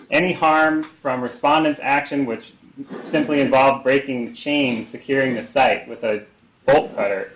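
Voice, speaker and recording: A male defense lawyer making a formal, measured oral argument, heard as a played-back recording of a court hearing. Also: medium pitch. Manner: measured, methodical, enumerating points. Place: appeals courtroom. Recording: echoey courtroom recording with faint hiss.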